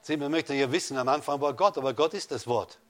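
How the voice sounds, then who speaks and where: Preaching fast in a slightly high voice, a pastor addresses his congregation head-on with rhetorical questions. His delivery swings from loud surges to quiet dips.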